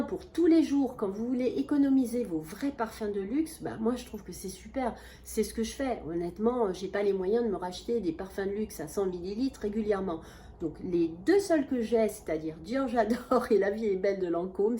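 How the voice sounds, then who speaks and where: A chatty, enthusiastic woman talks straight to camera in a casual home vlog, voice at a middle pitch. She stops and restarts often and keeps calling her viewers friends, with a faint hum of ambience behind her. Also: animated, normal speed, warm tone. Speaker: beauty vlogger. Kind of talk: casual product review vlog. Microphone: camera mic at a small table.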